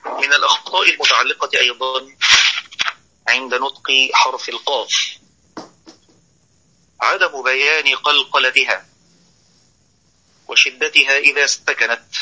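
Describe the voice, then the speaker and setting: A man giving a tajweed recitation lesson, explaining each rule deliberately and demonstrating how the sounds should be made. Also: mid-range voice, steady tone, bright, forceful tone, low-quality recording. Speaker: Quran recitation teacher.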